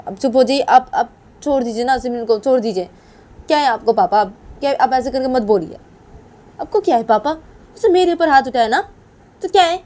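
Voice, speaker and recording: A woman's voice: high voice, pitched above the performer's own voice. Figure: a woman playing a pleading young woman. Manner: pleading, repetitive, soft then insistent.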